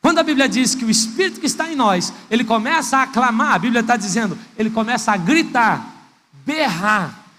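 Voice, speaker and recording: A man preaching with a very high, bright, forceful voice that rings through a reverberant church hall. He leans on key words and stretches them out, building to loud, fervent cries. A faint hiss of rain sits underneath. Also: expressive, brisk. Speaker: pastor. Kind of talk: sermon.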